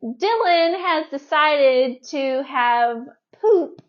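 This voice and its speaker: High-voiced woman telling a lively story. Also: very slow. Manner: animated, laughing storyteller with many "like"s. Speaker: podcast guest. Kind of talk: casual storytelling. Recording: dull lo-fi podcast audio.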